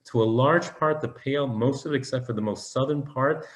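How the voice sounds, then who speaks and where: A man lecturing on history as he talks through slides on screen. He explains step by step in a mid-pitched voice, pausing often to restart a phrase. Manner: explanatory, many fillers and restarts. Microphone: webinar presentation.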